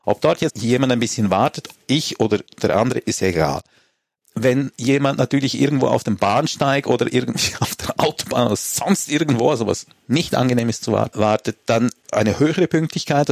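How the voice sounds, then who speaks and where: A man, talking calmly as a guest on a comedic panel show. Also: mid-range voice, brisk, creaky, dry recording. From Switzerland. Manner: relaxed, reads a letter aloud.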